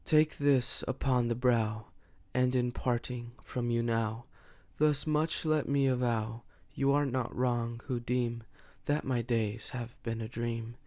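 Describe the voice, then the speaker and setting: A man giving a slow, measured, rhythmic dramatic reading of poetry as an audiobook narrator. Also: medium pitch, fairly even intonation, darkish tone, no room sound. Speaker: audiobook reader.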